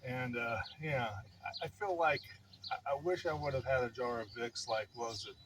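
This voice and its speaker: A man's voice: medium pitch, normal speed. An older man, a little breathless, tells a personal story in a casual, rambling fireside-chat way with wry, self-deprecating, mock-dramatic delivery. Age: older, grandfather. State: somewhat breathless. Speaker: vlogger telling a personal story. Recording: outdoor noise with chirping birds.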